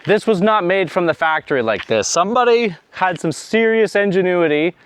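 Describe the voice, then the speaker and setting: A man's voice: high voice, animated, normal speed, a bit bright, smooth. A young man chatting to his action camera outdoors in a snowy yard, a little out of breath, rambling with fillers and trailing asides. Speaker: homestead vlogger. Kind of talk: casual vlog talk to camera.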